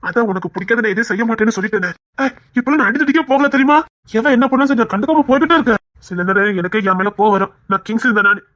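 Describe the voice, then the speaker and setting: A woman's voice: a little high, lively intonation, rapid-fire, fairly bright tone, no echo. A woman voicing a young husband, a reformed brawler, coaxing and pleading with his wife in an audio drama. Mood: boastful. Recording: dull dry lo-fi recording.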